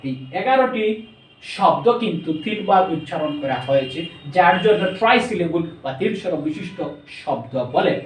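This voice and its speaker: A man with a Bangladeshi accent teaching a spoken English lesson, slowly stretching out words and mixing English into his explanations. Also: high-pitched, lively intonation, a little hiss or hum. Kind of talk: classroom lesson. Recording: echoey room, voice from a distance.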